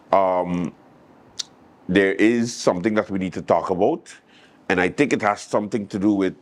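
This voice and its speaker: A man with a Caribbean accent hosts a late-night show, offering casual commentary on the news and acting out quotes as if telling a story. His voice sits low.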